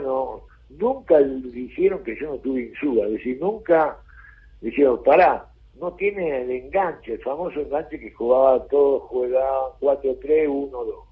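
Blunt Argentine man on a phone line. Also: mid-range voice. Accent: Rioplatense Spanish. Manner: blunt, colloquial storytelling. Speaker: football coach guest. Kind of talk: radio interview. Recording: phone-line radio call.

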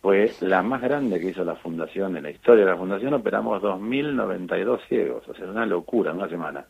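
Gravelly Argentine man on a tinny line. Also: low-pitched, fast talker. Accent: Argentine Spanish. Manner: animated storytelling with frequent fillers and restarts. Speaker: eye surgeon on charity missions. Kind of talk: relaxed interview talk. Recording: tinny phone-line sound.

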